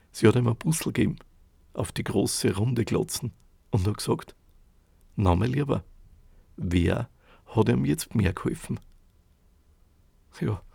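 A man tells a fairy tale in a lively, folksy, dialect-tinged way. His voice is very gravelly, husky and dark. It sounds close and dry, like a studio. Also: lowish voice, no echo. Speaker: storyteller. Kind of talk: spoken fairy tale narration.

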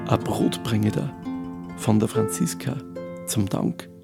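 A man's voice: on the low side, a little slow, vocal fry, over loud music, pitched below the performer's own voice. A man voicing a humble, kind peasant girl who talks politely and coaxingly in a folk tale.

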